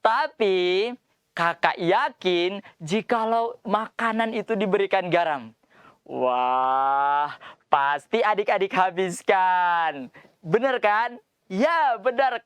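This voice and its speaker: A woman hosts a Bible lesson for small children. She speaks slowly in a clear, smooth voice, with exaggerated expression and frequent questions to her young listeners. The recording is close and dry. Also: mid-range voice, no room sound. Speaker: children's Bible program host.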